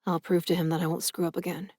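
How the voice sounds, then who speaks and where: An affectionate, gently teasing boyfriend, read by a woman narrator. He talks warmly and pokes fun at himself in a storybook romance. The voice is low-set and dry. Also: little pitch movement, quick pace, dry recording.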